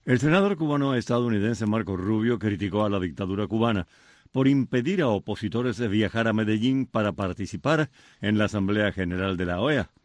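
Low-voiced male newsreader. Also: lively intonation, dry recording, clean studio sound. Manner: measured, formal newsreader delivery. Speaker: news anchor. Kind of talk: scripted news reading.

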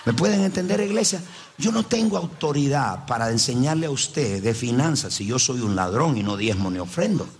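A man's voice: mid-range voice, big pitch swings, normal speed, hardly any pauses, a little hiss or hum. A man preaching a sermon, speaking emphatically and addressing the congregation directly. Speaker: pastor.

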